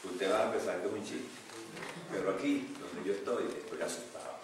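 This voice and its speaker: An older man, a pastor, preaching a sermon with animated swings between loud outbursts and hushed asides. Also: sits low, moderate pace. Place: church sanctuary. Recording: echoey church from a distance, noisy.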